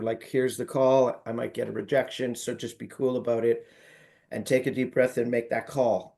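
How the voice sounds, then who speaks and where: Casting: conversational man, mid pitch, light joking storyteller on a group coaching call. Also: gravelly, a little mellow. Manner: storytelling, light and joking, acts out quoted voices. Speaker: sales coaching group member. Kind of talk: casual group call chat.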